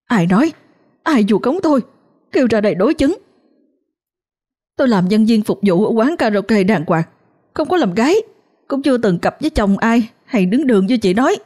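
A woman voicing a grief-stricken young woman who sobs and shouts back in defiance, with a Southern Vietnamese accent. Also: a little high, expressive, moderate pace, few pauses, voice pushed up. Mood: indignant. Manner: sobbing, pleading then defiant.

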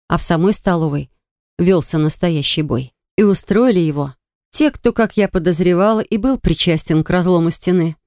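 A woman narrating a fantasy audiobook in the first person, with lively, expressive storytelling. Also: on the low side, smooth, no room sound, clean studio sound.

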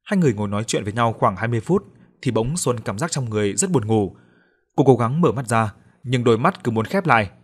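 Male audiobook narrator, steady, mid-pitched, dark thriller reading. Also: fast talker, husky. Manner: steady storytelling.

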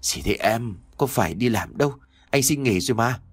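A man's voice: medium pitch, expressive, moderate pace, slightly rough, dry recording. A man voicing a groggy hungover husband. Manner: groggy, irritable. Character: young husband, hungover and grumpy, a playboy.

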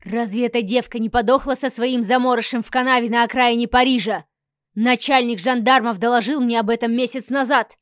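A woman voicing a cruel, furious aristocratic husband who snarls threats loudly in an audiobook. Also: a little high, fairly even intonation, moderate pace, no room sound, studio quality, close to an everyday voice. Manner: snarling, menacing, loud.

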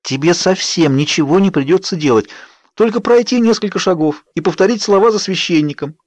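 A man's voice: high voice, animated, brisk, a little mellow, no room sound, pitched above the performer's own voice. Bubbly, wheedling young vampire girl, as a man puts her on. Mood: pleading. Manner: wheedling and coaxing. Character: pleading, bubbly young woman vampire friend. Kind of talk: audiobook character voice.

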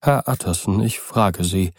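A man's voice: sits low, measured pace, dry recording, studio quality. A man voicing an old male butler, frightened and agitated, pleading with rising urgency. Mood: agitated, fearful.

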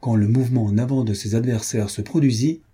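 A man narrating a classic novel in a measured, steady audiobook reading. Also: mid-range voice, slightly rough.

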